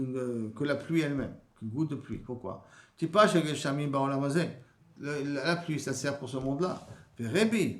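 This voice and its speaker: Man teaching Talmud in an echoey room. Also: fairly high pitch. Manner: reads Aramaic phrases and explains them in casual French. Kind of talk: Talmud class, translating Aramaic into French.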